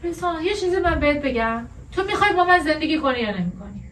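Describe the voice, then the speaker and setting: A woman's voice: high voice, expressive, fairly bright tone. A woman playing a wife in a comic home skit, pleading insistently with her husband. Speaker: wife in a staged prank skit. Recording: roomy sound from mic distance, faint noise.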